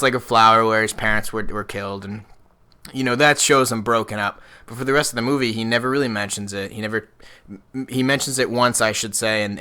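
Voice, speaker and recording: Deep, bright-toned man chatting on a podcast. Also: clear, resonant tone. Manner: opinionated, frequent restarts. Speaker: podcast co-host. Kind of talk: casual chat.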